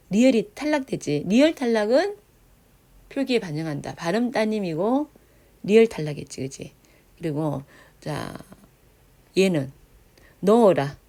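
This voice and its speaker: Woman teacher, lively pitch, mellow tone, grammar lesson, frequent check-in questions. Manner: sounds out example words slowly. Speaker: middle school Korean teacher.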